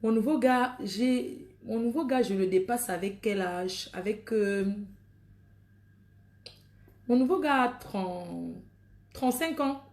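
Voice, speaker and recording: A woman's voice: fairly high pitch, slow pace, long pauses, a little mellow, reverberant. A woman hosting a live stream, chatting in a bawdy, laughing way with frequent exclamations. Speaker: live-stream host selling products. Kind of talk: raunchy casual live chat.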